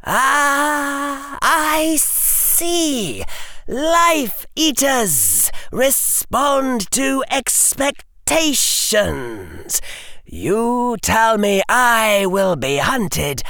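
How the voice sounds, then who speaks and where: A reader voicing a cruel, mocking male dark wizard lord who hisses his words slowly and breaks into shouts. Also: medium pitch, very animated, no room sound, studio quality, pitched above the performer's own voice, exaggerated voice. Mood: cold amusement. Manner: hissing, slow and drawn-out, bursts into shouts.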